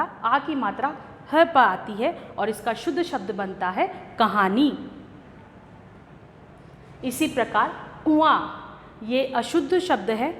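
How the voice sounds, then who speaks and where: Slow-speaking woman teacher. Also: fairly high pitch, a bit bright, roomy sound, long reverb tail, a little hiss or hum. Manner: slow, patient explaining to young children. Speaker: school teacher. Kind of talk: online grammar lesson.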